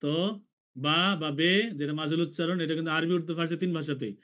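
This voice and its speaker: A man from Bangladesh teaching an online language class, slowly repeating each letter for his students. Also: fairly high pitch, fairly even intonation, a bit bright. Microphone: video call.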